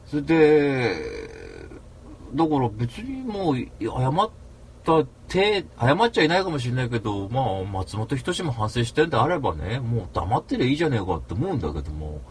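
Rough-talking man on an animated rant. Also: medium pitch, moderate pace, a little hiss or hum. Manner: rambling, rough-spoken, flares up into mock rants. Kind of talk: casual monologue.

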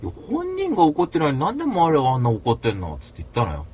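A man hosting a talk show, telling a rambling story in rough, casual speech and flaring into mock rants. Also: fairly high pitch, wildly swooping pitch, rapid-fire, a little mellow. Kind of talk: casual monologue.

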